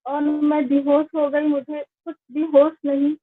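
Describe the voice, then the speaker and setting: A woman, slowly and earnestly recounting her own life story as a testimonial. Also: high voice, level tone, dry recording. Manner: slow, earnest, plain recounting. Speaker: network marketing member giving a testimonial. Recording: tinny phone-like, dry sound.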